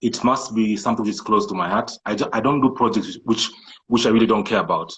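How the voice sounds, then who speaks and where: A man from Malindi on the Kenyan coast, whose first language is Swahili, speaks with a Kenyan accent in a fairly low voice with a fairly bright tone. As a guest entrepreneur in a casual interview, he answers in a measured, thoughtful way, often restarting sentences as he works things out. The recording quality is low.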